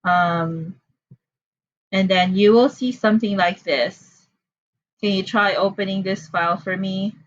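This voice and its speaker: A medium-pitched woman with a Filipino accent, from the Philippines, teaches online in an unhurried, fairly even voice, pausing often. She comes across as chatty and apologetic with many fillers, and her video-call computer mic loses the high frequencies.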